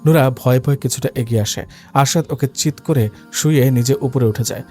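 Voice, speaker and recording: A man narrating a dramatic story in a steady, scripted reading. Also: medium pitch, fairly quick. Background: faint background music.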